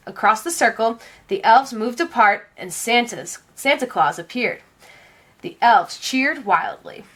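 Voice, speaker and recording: A storybook reader with a medium-pitched voice reads a children's book aloud, telling the story in an expressive, dramatic and deliberate way.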